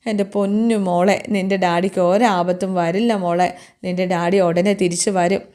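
A woman's voice: on the low side, steady tone, moderate pace, a little mellow, close to an everyday voice. A woman voicing a worried grandmother coaxing and reassuring a child, in a storytelling retelling. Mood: soothing.

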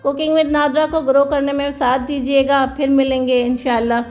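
A woman hosting her own cooking channel, chatting warmly through a recipe voice-over and offering blessings to her viewers. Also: high-pitched, level tone, normal speed, muffled recording, faint music behind. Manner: warm, chatty, full of blessings and praise.

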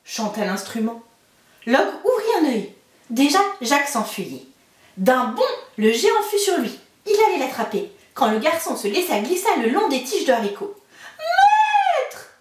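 A woman teacher reads a storybook aloud to children, her voice sitting a little high and rising and falling with lively expression. The sound is roomy, with the mic placed some distance away. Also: normal speed.

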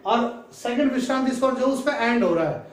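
A man from North India teaching a music lesson, explaining slowly and singing scale notes in between. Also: extremely high pitch, animated. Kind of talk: classroom lesson with sung notes. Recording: echoey room, mic far off.

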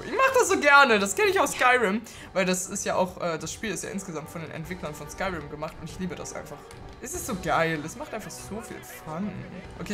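A young woman giving casual let's play commentary, excitable, swearing and laughing a lot. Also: fairly low pitch. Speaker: gaming video host.

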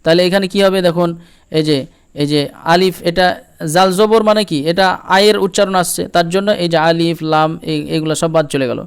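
A man with a Bengali accent teaches letter sounds at an unhurried pace, repeating each word and pausing to ask if it is clear. His voice sits high for a man and sounds smooth and resonant. He speaks close to the mic. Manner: patient, repeats each word slowly and checks with "okay?". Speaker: Quran reading teacher. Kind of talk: step-by-step lesson.

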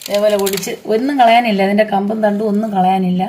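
Hoarse homely woman cooking. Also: medium pitch, steady tone, fast, dark tone, slight background noise. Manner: chatty, homely explaining while working. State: hoarse from a blocked throat. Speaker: home cooking vlogger. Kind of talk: casual cooking vlog. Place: home garden and old dim kitchen.

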